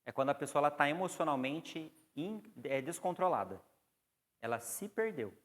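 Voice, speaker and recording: A man's voice: fairly high pitch, expressive, moderate pace, a bit bright. A man with a Brazilian Portuguese accent giving a classroom lecture on psychoanalysis, explaining and putting questions to the class. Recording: long hall reverb.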